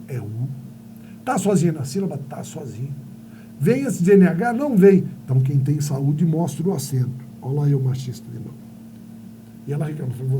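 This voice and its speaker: A man's voice: on the high side, warm tone, slight background noise. A male teacher giving a playful grammar lesson, asking and answering his own questions and telling silly stories.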